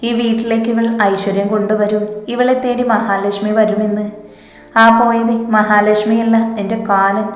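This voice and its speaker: A woman's voice: mid-range voice, level tone, normal speed, close to an everyday voice. A woman reading the part of a bossy middle-aged mother, with a scolding, matter-of-fact manner. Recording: roomy echo with long reverb.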